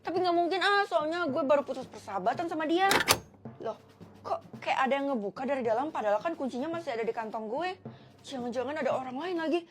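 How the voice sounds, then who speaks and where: A young woman with a Jakarta slang accent performing comic POV skits, voicing every role herself and switching quickly and playfully between the characters. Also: high voice, expressive. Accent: Indonesian, Jakarta slang. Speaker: content creator.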